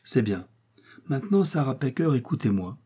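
A man's voice: mid-range voice, very animated, moderate pace, mellow, husky, pitched above the performer's own voice. A man voicing a sly, burly male peddler who wheedles and then bullies, in an audiobook reading. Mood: conspiratorial.

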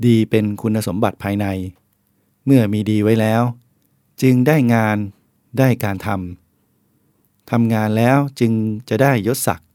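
A man's voice: lowish voice, fairly even intonation, unhurried, pauses often, darkish tone, no room sound, studio quality. A man, a Buddhist monk, reading a book of essays aloud in a plain, explanatory way and speaking directly to the listeners.

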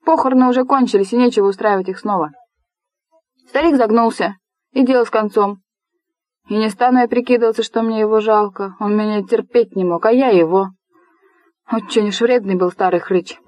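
A woman reading a storybook voices a brash, rude young man who talks loudly and bluntly, bossing his family around. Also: on the high side, normal speed, no echo, natural voice. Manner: loud, blunt, bossy.

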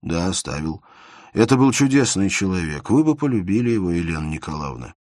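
A man reading aloud voices a shy, earnest young scholar who speaks slowly with a slight lisp. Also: low-pitched, big pitch swings, darkish tone, no echo, clean studio sound.

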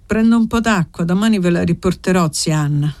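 A frightened young village woman speaks in anxious, breathless bursts, voiced by a woman reading a novel aloud. The voice sits fairly low and sounds dry and close to the mic. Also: fairly quick, darkish tone, dry recording, natural voice. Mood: weary.

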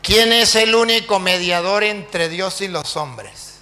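Guy doing a smug pastor, pushy and mocking, kinda high voice. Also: takes it slowly, sharp tone, long reverb tail, heavily acted. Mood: challenging. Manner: taunting questions.

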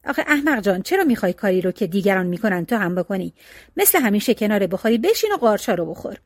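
A woman voicing two angry, scornful older brothers in a storybook reading, scolding and shouting. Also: mid-range voice, big pitch swings, no echo, clean studio sound.

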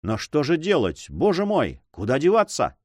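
A man's voice: fairly high pitch, huge pitch swings, moderate pace, a little mellow, dry recording, clean studio sound, pitched above the performer's own voice. A man voicing an emotional young nobleman in an audiobook, pleading and tearful in manner. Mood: despairing. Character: young man, tearful, ashamed, then overjoyed.

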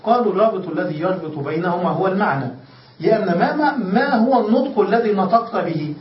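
A grammar teacher's high, expressive male voice moves at a quick pace over slight background noise. He explains his classroom lesson step by step, restates points and keeps confirming his students follow, all heard through a distant lo-fi mic in an echoey room.

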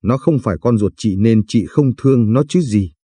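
A man voicing a sharp-tongued elderly village mother-in-law who scolds and accuses, read in a storytelling narration. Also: medium pitch, normal speed, husky, dry recording, lightly acted. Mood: scolding.

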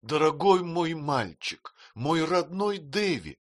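A man voicing an emotional, tearful young widowed mother, in a high, plaintive, pleading voice. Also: sing-song, moderate pace, fairly bright tone. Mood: tender.

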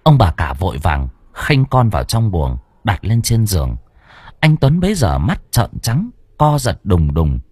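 A man narrating a ghost story in an expressive, dramatic way. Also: lowish voice, a little slow, slightly rough, dry recording. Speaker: audiobook narrator.

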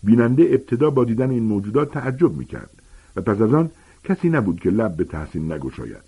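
A man reads a storybook aloud in an expressive, narrating manner. His voice is very deep and husky, with a lively, swinging melody. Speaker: audiobook narrator. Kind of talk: audiobook reading.

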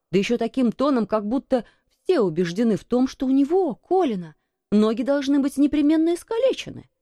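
A woman narrating a children's classic as an audiobook, with expressive storytelling. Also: fairly high pitch, no echo, studio quality.

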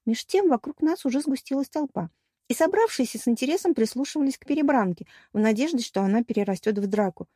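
A woman narrating a fantasy story in first person, in a lively, wry, playful manner. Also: high-pitched, quick pace, husky, no echo, clean studio sound. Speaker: audiobook narrator.

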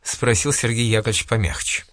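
A man's voice: fairly low pitch, fairly even intonation, fairly quick, fairly bright tone, dry recording, clean studio sound. A man reading a novel aloud with dramatic storytelling. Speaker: audiobook narrator. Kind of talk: expressive literary narration.

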